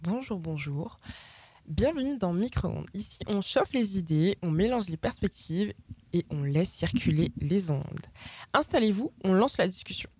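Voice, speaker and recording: A woman hosting a radio interview show in a studio, reading measured, scripted introductions. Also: mid-range voice, lively intonation, dark tone, slightly rough, no echo.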